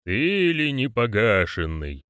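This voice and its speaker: A male reader voicing a stern old man who speaks slowly in a solemn, archaic, growling way. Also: medium pitch, big pitch swings, a bit bright, smooth, no room sound, clean studio sound. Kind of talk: audiobook character reading.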